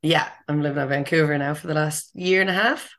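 A young woman with a low voice and a west of Ireland accent. She chats casually as a guest, in an informal, slangy way, and swears freely. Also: fairly quick, a bit bright. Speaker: interview guest, comedian. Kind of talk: casual chat.

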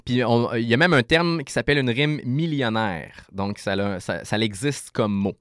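A man with a Québécois French accent, a rapper guest explaining rhyme in a casual interview, animated and full of restarts. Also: medium pitch, normal speed, no room sound, clean studio sound.

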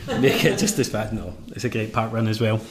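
A Scottish man hosting a live podcast interview, bantering with quick quips. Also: fairly low pitch, steady tone. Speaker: podcast host. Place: room at a live event. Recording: echoey room, faint noise.

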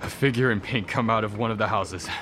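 An actor playing Arthur, a theatrical Victorian gentleman torn between tender devotion and bitter fury at his wife. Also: fairly low pitch, a little fast, background noise, natural voice. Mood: brooding. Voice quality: theatrical, declamatory. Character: Victorian gentleman Arthur, tormented lover turned furious husband. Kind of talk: radio drama acting.

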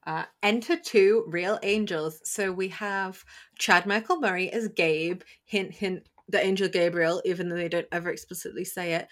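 A woman's voice: lowish voice, fairly even intonation, moderate pace. Giggly woman co-hosting a film chat. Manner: giggly, mocking impressions of film characters. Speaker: podcast co-host. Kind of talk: casual film review chat.

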